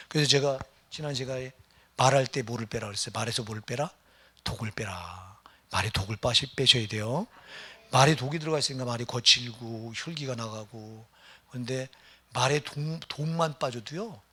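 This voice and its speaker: Casting: middle-aged male pastor, husky, chatty sermon, keeps asking the congregation. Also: mid-range voice, expressive, moderate pace, a bit bright. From Gyeonggi Province, Korea. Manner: conversational, questions the congregation.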